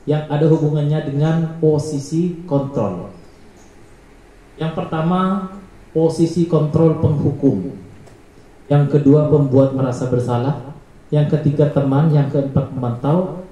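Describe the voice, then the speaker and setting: Male teacher, lesson presenter, reads out numbered lists; dark tone, very roomy echo. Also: fairly high pitch. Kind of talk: presenting a training module. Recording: echoey room.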